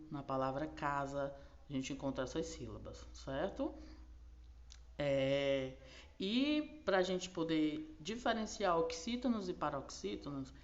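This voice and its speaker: A woman with a very low voice and a Brazilian Portuguese accent walks students through a class exercise. She is patient and checks in constantly with little tag questions. The recording sounds dull and lo-fi. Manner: patient, slow over key words, frequent tag questions. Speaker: teacher.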